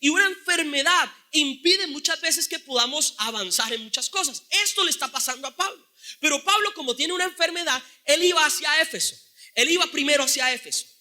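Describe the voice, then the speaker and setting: A man preaching a sermon in a church, emphatic, often raising his voice when he voices the apostle's words. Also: fairly quick. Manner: emphatic, voicing the apostle's words with raised pitch and sudden shouts.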